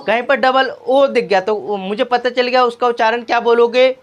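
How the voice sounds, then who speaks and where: A man's voice: extremely high pitch, fairly even intonation, moderate pace, lo-fi sound. A man tutoring a child in a small class, patiently drilling sounds with repeated questions and encouragement. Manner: patient, repetitive drilling with constant questions to the pupil; encouraging, urges speaking out and making mistakes. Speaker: tuition teacher. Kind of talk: spoken English reading lesson for a child. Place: small tuition class indoors.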